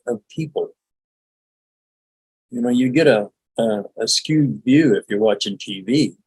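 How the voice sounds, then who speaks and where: An older man, a meditation teacher, giving a relaxed, folksy spoken lesson with frequent chuckles. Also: medium pitch, husky, dry recording, rough recording. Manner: chuckling, folksy, demonstrates laughing exercises.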